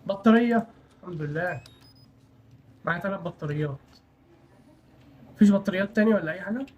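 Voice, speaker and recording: Fast-talking Egyptian young man. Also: sits high, darkish tone, muffled recording. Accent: Egyptian Arabic. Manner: nervous, chatty, apologizing to characters. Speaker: gaming channel host. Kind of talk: horror game let's play commentary.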